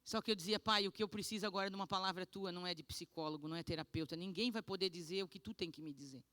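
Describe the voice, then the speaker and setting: A woman pastor from Brazil giving an animated, emotional testimony sermon. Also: fairly low pitch, racing, dry recording.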